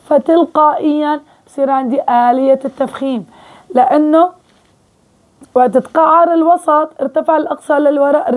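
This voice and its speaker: A young woman with a Levantine Arabic accent teaching Quran recitation, patiently explaining and slowly repeating sounds. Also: high-pitched, a little mellow. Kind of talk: online tajweed lesson.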